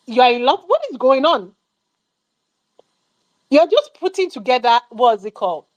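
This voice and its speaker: Woman film club panelist, animated ranting, rhetorical questions, fairly high voice. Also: poor audio. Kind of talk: casual film critique chat.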